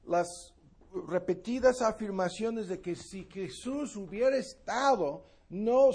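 A man preaching a sermon, explaining a Bible passage slowly and with emphasis, repeating key phrases for his listeners. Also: high voice, a little mellow, husky.

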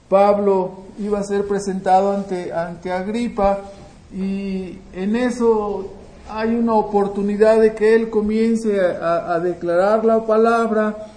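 A man preaching a sermon. He asks the congregation questions and answers them himself, and he swings between loud emphasis and quiet asides, with frequent restarts. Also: high-pitched, reverberant, poor audio. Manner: frequent restarts and checking "¿verdad?".

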